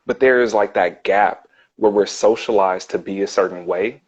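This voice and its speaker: A man working as a clinical counselor, talking earnestly and thoughtfully in a casual interview, often pausing with ums and repeating words. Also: on the low side, breathy edge. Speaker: licensed clinical counselor, guest. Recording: dull lo-fi audio.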